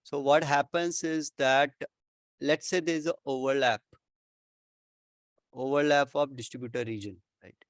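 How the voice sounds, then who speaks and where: A man's voice: mid-range voice, fairly even intonation, unhurried, long pauses, dry recording, clean studio sound. A man with an Indian accent explaining things informally as an expert answering questions, often repeating himself and checking with "right?". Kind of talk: informal explanatory Q&A with worked examples.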